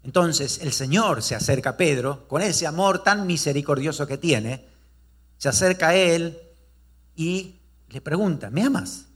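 A male pastor preaching a sermon, telling a story with animated delivery and rhetorical questions to the congregation. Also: on the high side, unhurried, husky.

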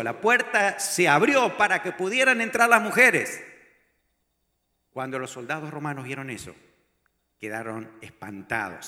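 A man preaching a sermon, retelling scripture as animated storytelling and acting out the voices of the people in it. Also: on the high side, reverberant.

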